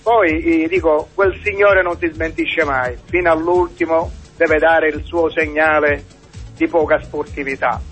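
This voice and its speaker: Halting man calling in. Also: fairly high pitch, steady tone, a bit bright, soft background music. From Palermo, Italy. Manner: halting, repeats and restarts words, indignant. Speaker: caller. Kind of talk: football call-in opinion.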